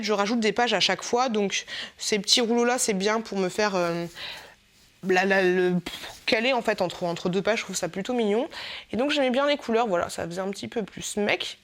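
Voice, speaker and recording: A woman's voice: medium pitch, fairly bright tone. A woman showing her shopping haul to camera, in a chatty, playful way, with frequent hesitant fillers and self-mocking asides. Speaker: haul vlogger. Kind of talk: casual product haul chat.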